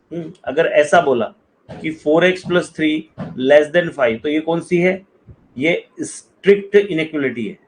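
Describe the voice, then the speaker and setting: A man's voice: sits high, low-quality recording. A male math teacher lecturing in with a slight touch, explaining step by step and often asking students whether they understand. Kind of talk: classroom lecture.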